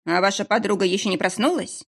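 A woman's voice: mid-range voice, quick pace, creaky, husky. A woman voicing a menacing, mocking round-faced man interrogating two captives. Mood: mocking menace. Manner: mocking, threatening.

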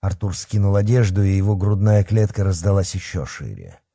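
Gravelly, dark-voiced man narrating a story. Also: low voice, lively intonation, fairly quick, no room sound, clean studio sound. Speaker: audiobook narrator.

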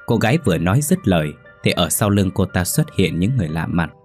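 A man narrates a ghost story in a steady, measured way. His voice is deep and husky. Soft music plays faintly behind him. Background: faint background music.

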